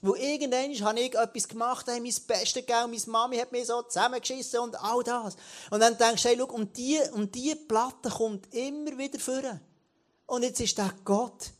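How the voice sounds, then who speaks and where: Man, late 30s, church leader giving a sermon, animated delivery with frequent restarts. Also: extremely high pitch.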